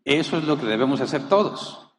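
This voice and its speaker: A man's voice: fairly high pitch, expressive, fairly quick, in a large hall, noisy background. A man preaching a sermon as a pastor, emphatic, rising and falling, asking rhetorical questions. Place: church.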